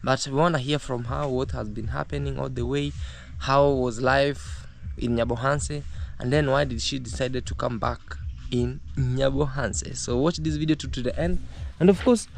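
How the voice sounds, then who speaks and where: Chatting from his garden at a rural home in Kenya, this young vlogger speaks at normal speed in a steady, medium-pitched voice with some creak. His delivery is hesitant and packed with fillers and restarts, and the recording carries slight hiss or hum along with faraway music.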